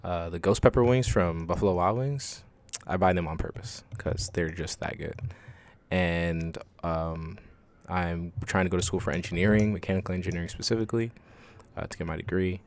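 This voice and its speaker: A man's voice: deep voice, steady tone, normal speed. A man, introducing himself casually in a laid-back, rambling way. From Queens, New York. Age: early 20s. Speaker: podcast host.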